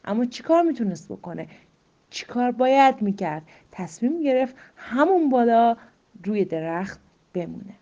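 A woman narrates a story slowly, building suspense and often dropping to a whisper. Her tone is mellow and dark. The recording sounds muffled and lo-fi. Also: fairly high pitch, big pitch swings. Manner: slow suspenseful reading, drops to whispers.

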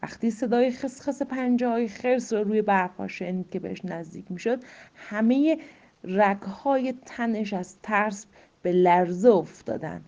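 A woman's voice: medium pitch, a little mellow. Woman telling a suspenseful story in whispers. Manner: slow suspenseful reading, drops to whispers. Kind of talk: dramatic story narration. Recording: muffled lo-fi recording.

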